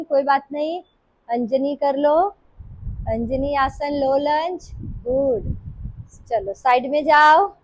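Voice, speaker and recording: A woman leading a live yoga class, calling out poses in short, brisk commands. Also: sits high, low-quality recording. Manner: brisk, commanding cues mixing Hindi and English. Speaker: yoga instructor.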